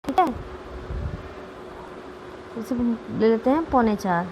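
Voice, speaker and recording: A woman teacher with a high voice explains grammar to her students. She is patient, says each term twice and keeps checking that they follow. A faint room hiss sits under her voice. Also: lively intonation, slow pace. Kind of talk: Sanskrit grammar lesson for students.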